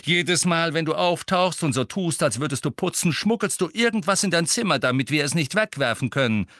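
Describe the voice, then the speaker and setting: A man's voice: a little high, animated, a little fast, a bit bright, dry recording, studio quality, pitched above the performer's own voice. A man voicing a curt, scornful house master. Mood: cold contempt. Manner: curt and cutting. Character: cold, contemptuous grown man of the house.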